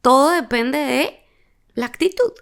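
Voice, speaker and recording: A woman in a casual podcast chat, telling stories with animated, laughing energy and acting out the people she quotes. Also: high-pitched, unhurried, creaky.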